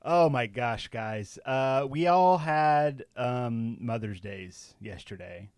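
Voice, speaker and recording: A man's voice: mid-range voice, lively intonation, slow pace, darkish tone, clean tone, dry recording. A man hosting a podcast, welcoming listeners and teasing his co-hosts with short dry quips in casual chat. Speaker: podcast host.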